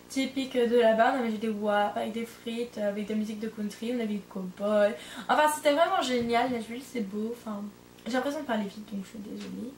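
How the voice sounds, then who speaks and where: In a fairly high voice, this French au pair in her twenties chats in a vlog, meandering with frequent fillers and self-corrections. Slight background noise accompanies a roomy echo, as she's recorded away from the mic.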